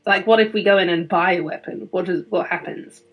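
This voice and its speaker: A woman's voice: lowish voice, fairly even intonation, brisk, low-quality recording. A woman with a curious, questioning manner, playing a character in a tabletop game. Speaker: player. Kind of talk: casual tabletop play.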